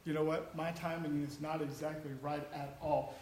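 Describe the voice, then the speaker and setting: Pastor, male, high-pitched, conversational sermon that swells to fervent calls, echoey church. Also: little pitch movement, normal speed, a little mellow, slight background noise. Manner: conversational, rising to passionate exhortation. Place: church sanctuary.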